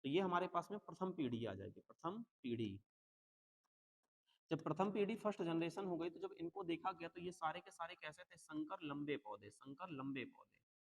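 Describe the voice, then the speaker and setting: A male teacher on a long revision lecture, his voice sitting a little higher than most men's. He keeps calling the students "beta" and repeats each key term several times. The sound rings out with a long hall reverb. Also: normal speed, creaky. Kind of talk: exam-prep lecture.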